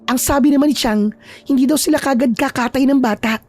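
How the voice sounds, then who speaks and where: A woman voicing a feisty young woman who is a loyal friend, talking in a brisk, scolding but reassuring way. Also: sits high, a little mellow. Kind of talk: storytelling with acted dialogue.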